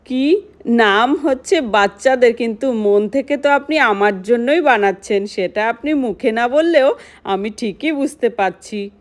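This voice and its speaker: A woman's voice: on the high side, animated, measured pace. A woman voicing a sly, teasing grown man in a doll story.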